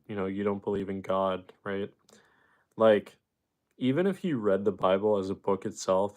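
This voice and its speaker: A man's voice: fairly low pitch, clean tone. A man live streaming, reading viewer comments aloud and answering them in loose, rambling casual chat. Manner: rambling, with fillers and restarts.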